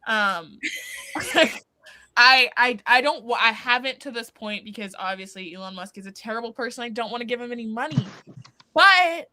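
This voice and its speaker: A young woman in her early twenties co-hosts a casual charity stream in a crisp, bright voice with a dry, close sound. She pitches slightly high and talks in a chatty, candid, rambling way. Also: expressive, moderate pace, dry recording. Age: 20s. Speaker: co-host.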